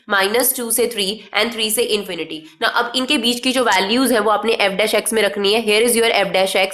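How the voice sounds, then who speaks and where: A woman's voice: a little high, fairly bright tone. A woman teaching a math lesson step by step, mixing Indian-accented English into Hindi and answering her own questions. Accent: Indian English mixed into Hindi. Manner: patient, asks questions then answers them.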